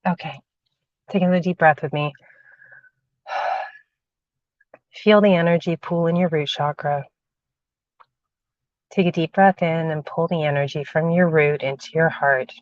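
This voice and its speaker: Her voice sits low and steady, unhurried and full of pauses, as this spiritual channeler hosts a livestream on her phone from the cramped cabin of a parked car. She chats easily, calls her viewers darling and sweetheart, and leads a meditation while still recovering from a cold, a cough drop in her mouth. The sound is dull, lo-fi and very dry, with no room echo, moving between casual livestream chat and guided meditation.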